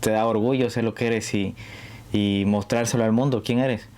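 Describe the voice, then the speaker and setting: A man from Ecuador, a podcast guest speaking earnestly and thoughtfully, with halting restarts. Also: lowish voice, steady tone, darkish tone. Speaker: guest, host's husband. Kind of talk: casual conversation.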